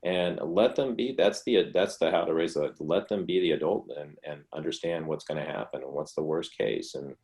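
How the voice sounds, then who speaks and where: Male presenter, low-pitched, easygoing explainer with lots of restarts. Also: moderate pace, creaky, hardly any pauses. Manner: relaxed conversational explaining, with restarts. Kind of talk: online presentation Q&A.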